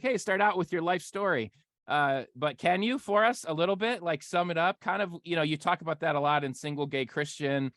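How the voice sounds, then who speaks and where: A man's voice: mid-range voice, a bit bright, no echo, studio quality. A man hosting a podcast interview, asking long, rambling questions and laughing often. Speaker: podcast host. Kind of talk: casual interview.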